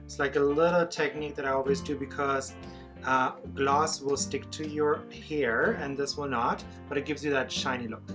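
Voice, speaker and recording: A man's voice: mid-range voice, fairly even intonation, moderate pace, music in the background. A young man doing a makeup tutorial vlog as a drag performer, chatty, playful and sassy.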